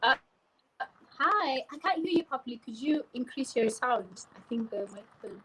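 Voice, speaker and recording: A French-speaking woman, born in Cameroon and raised in Tanzania, talks casually about herself in an interview; she is a podcast host, journalist and entrepreneur. Her voice is high-pitched and expressive at a normal speed, with a noisy background.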